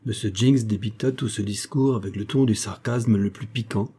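Husky, dark-voiced male narrator. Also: on the low side. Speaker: audiobook narrator. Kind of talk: scripted narration.

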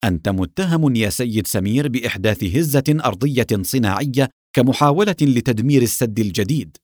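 A man reading the lines of a calm, resolute male captain, firm and measured. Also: medium pitch, no echo, clean studio sound, lightly acted.

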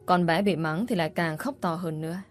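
A woman narrating a dramatic story in a steady, even way. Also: on the low side, brisk. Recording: soft background music.

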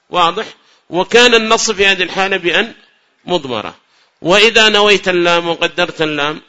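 A man leads a classroom grammar lesson, his voice bright and a little high. He explains patiently, repeats key points and questions his students. The recording is muffled and lo-fi. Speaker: grammar teacher.

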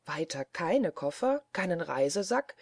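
A woman reading as a jovial, portly old government official who fusses warmly over a guest. His voice is low and dry, and he talks in a hearty, bustling way. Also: sing-song, measured pace, vocal fry, slightly rough, no room sound, heavily acted. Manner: jovial, fussing host.

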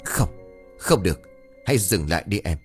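A man voicing a gentle older brother, a servant, earnestly coaxing his sister to stop in an audio ghost story. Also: low voice, very animated, moderate pace, soft background music. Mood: pleading.

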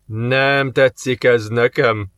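A man's voice: medium pitch, big pitch swings, a bit bright, dry recording. A man reads a suspicious, grumbling sergeant who mutters his doubts in a slightly raised voice. The recording is dry and close, with no room sound. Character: grumbling wary male soldier, a sergeant.

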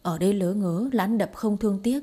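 A woman reading a romance story aloud in an even, smooth storytelling manner. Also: medium pitch, normal speed. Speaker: story narrator. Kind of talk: scripted narration of a romance story.

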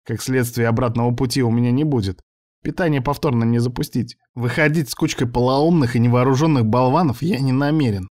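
A man voicing an irritable male professor who lives inside a laptop, shouting orders and sneering. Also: mid-range voice, a little fast, natural voice. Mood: snide.

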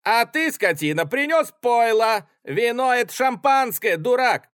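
A man shouting as a drunken raging cavalry captain. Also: extremely high pitch, very animated, unhurried, clear, resonant tone, no room sound, studio quality, pitched above the performer's own voice, full character voice. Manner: shouting, stammering with rage.

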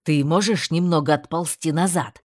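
A woman voicing a bossy young male rat in an audiobook, speaking in a brisk, commanding way. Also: deep voice, pitched above the performer's own voice.

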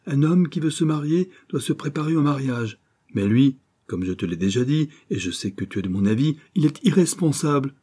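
A man's voice: mid-range voice, lively intonation, normal speed, warm tone, husky, pitched above the performer's own voice. A man reading an audiobook voices a proper bourgeois mother who lectures her daughter firmly. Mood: stern. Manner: firm, lecturing.

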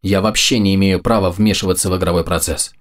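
A man's voice: sits low, steady tone, quick pace, natural voice. A man voicing a fierce, curt female warrior who speaks in clipped, cutting lines.

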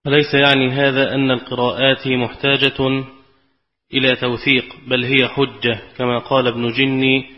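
A man reading a scholarly text aloud to a class in a formal, measured way. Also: medium pitch, little pitch movement. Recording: lo-fi recording in a reverberant hall.

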